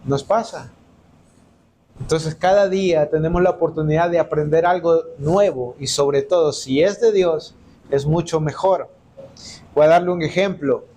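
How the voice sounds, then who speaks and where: A man's voice: a little high, unhurried, warm tone, a little hiss or hum. A man from El Salvador preaching in church, telling personal stories and acting out the dialogue. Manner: storytelling, acts out quoted dialogue. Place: church hall.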